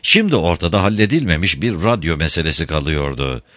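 A man narrating a story aloud in an expressive storytelling manner. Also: deep voice, brisk, dry recording. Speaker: reader.

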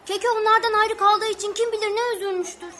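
A woman's voice: extremely high pitch, fairly even intonation, a little fast, a bit bright, slight background noise. A curious, eager young boy. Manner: eager, pestering questions. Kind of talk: radio play acting.

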